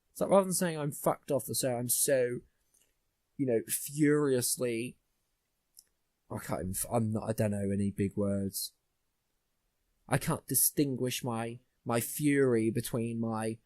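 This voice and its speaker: A man's voice: medium pitch, a little mellow, dry recording. A young man hosting a podcast, ranting bluntly with plenty of swearing in casual chat. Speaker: podcast host.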